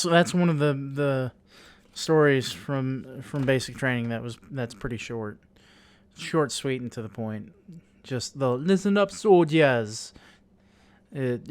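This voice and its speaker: A man telling a story on his vlog, halting and amused, laughing at himself as he goes. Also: medium pitch, clear, resonant tone, no echo. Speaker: YouTuber.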